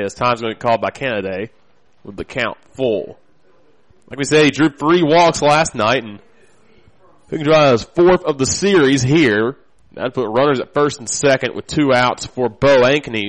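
Male baseball broadcaster, American accent, mid-range pitch, live play-by-play commentary.

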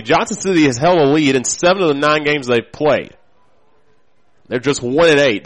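A man with an American accent giving live baseball play-by-play commentary. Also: mid-range voice.

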